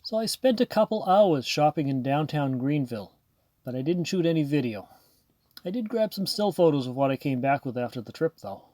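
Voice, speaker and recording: Easygoing man rambling, slightly high voice. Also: animated, brisk, dark tone. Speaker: travel vlogger. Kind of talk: casual vlog chat.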